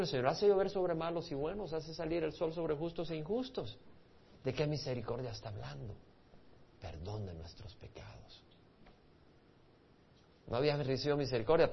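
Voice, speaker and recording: A Salvadoran pastor with a Salvadoran Spanish accent leads a conversational Bible study, putting questions to his listeners and restarting words. His voice runs on the high side with vocal fry and slight roughness. The recording is dull and lo-fi.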